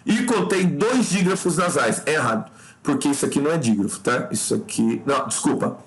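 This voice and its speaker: A Brazilian man walks through exam questions in a lively teaching voice, his pitch leaping up whenever he hammers home a point. He keeps checking in with the listener and calls them buddy, sounding like a tutor working through a test. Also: a little fast. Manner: explanatory, peppered with "tá?" check-ins and addressing the listener as "cara"; lively pitch jumps when stressing points. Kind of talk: exam review lesson.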